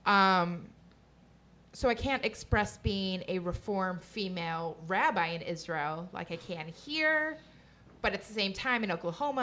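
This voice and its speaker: A woman's voice: on the low side, a bit bright, a little hiss or hum. A woman rabbi speaking on a discussion panel, candid and wry, with some fillers.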